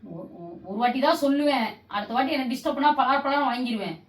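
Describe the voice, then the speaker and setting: A woman's voice: sits high, lively intonation, fast talker, recorded from a distance. Scolding young woman in an echoey room. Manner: scolding, repeats demands, drained and annoyed. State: sleepy. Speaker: vlogger in a couple prank video. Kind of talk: casual heated home argument. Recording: echoey room, voice off-mic, faint hiss.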